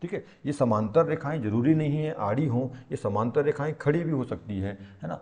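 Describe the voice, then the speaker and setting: A man's voice: medium pitch, a little fast, darkish tone. A man teaching a maths lesson in Hindi-accented speech, explaining patiently and repeating key points with questions to the class. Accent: Hindi-speaking India.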